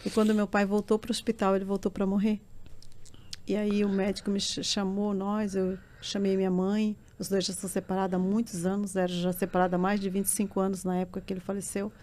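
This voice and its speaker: Her pitch stays mid-range and her tone level and darkish as this middle-aged woman talks fairly quickly. She is a podcast guest giving an earnest personal testimony, and the emotional storytelling mounts into tearful intensity.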